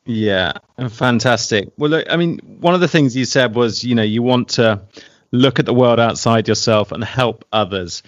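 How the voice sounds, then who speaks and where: A man's voice: medium pitch, moderate pace, no echo. A man, hosting an interview and asking long, rambling questions full of "you know.". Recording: dry, muffled lo-fi audio.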